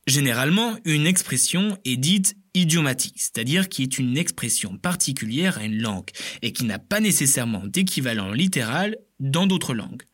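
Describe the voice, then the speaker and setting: A man's voice: medium pitch, very animated, normal speed, fairly bright tone. A man giving scripted comedic narration in a playful, mock-serious way, full of self-mocking asides.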